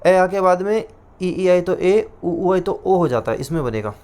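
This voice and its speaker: A man's voice: sits high, lively intonation, a little mellow. Hindi-speaking man teaching exam vocabulary. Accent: Rajasthani Hindi. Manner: repeats each answer slowly, dictating terms. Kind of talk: exam-prep lecture.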